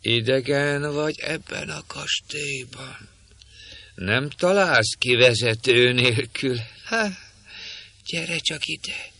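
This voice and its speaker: A man's voice: mid-range voice, pushed and bright, no room sound, pitched above the performer's own voice. A man voicing a cackling old woman jailer with a screeching voice, read as part of an audiobook. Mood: mocking.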